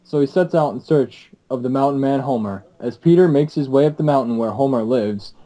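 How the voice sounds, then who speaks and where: A man narrating a story in a plain, steady read-aloud manner. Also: mid-range voice, a little fast, rough recording. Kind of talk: scripted narration.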